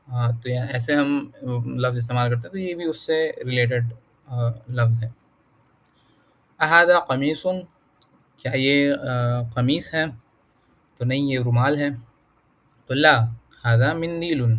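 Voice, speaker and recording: A man reading through a beginner Arabic lesson and explaining each word, thinking aloud with pauses and fillers, slowing to sound out words and mixing in English terms. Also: medium pitch, fairly bright tone. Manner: mixes English words into his talk. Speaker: self-taught Arabic learner teaching.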